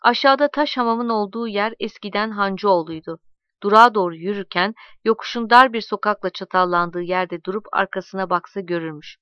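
In a calm, measured reading voice, a woman narrates a story aloud and voices the dialogue as she goes. Her voice is mid-range and smooth, on a dry recording with dull audio.

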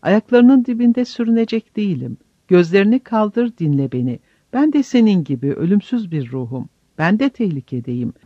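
A man's voice: sits high, sing-song, moderate pace, no echo, dull audio, pitched above the performer's own voice, exaggerated voice. A man reading an audiobook voices a proud, determined young noblewoman who pleads with impassioned defiance. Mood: defiant.

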